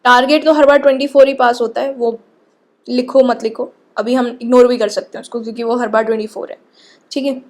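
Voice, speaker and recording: A woman with a high voice gives a coding lecture. She walks through each step patiently and keeps checking that her listeners follow along. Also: steady tone, a little fast, darkish tone. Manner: explains patiently, often checks in with "ठीक है". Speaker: programming teacher.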